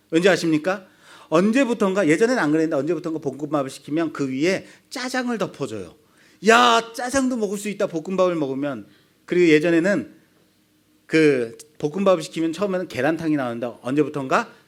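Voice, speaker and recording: A male pastor preaching a sermon, asking the congregation rhetorical questions. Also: on the high side.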